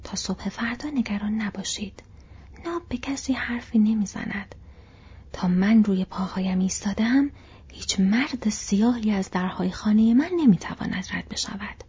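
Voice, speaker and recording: A woman's voice: medium pitch, warm tone, slightly rough, muffled recording. A woman whispering as a fretful fat male innkeeper. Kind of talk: whispered role-play.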